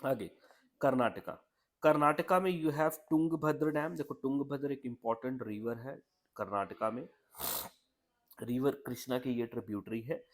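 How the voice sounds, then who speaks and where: A man's voice: medium pitch, moderate pace. Chatty male exam coach. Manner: chatty, repeats "ठीक है" often. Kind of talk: Hindi-English mnemonic lesson.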